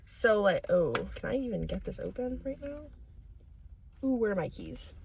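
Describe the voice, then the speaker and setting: A young woman talks in a high voice, in casual unboxing chat. She is excitable and gushing, prone to exclamations. The recording carries light noise with clicks and handling sounds. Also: normal speed, gravelly. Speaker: unboxing vlogger.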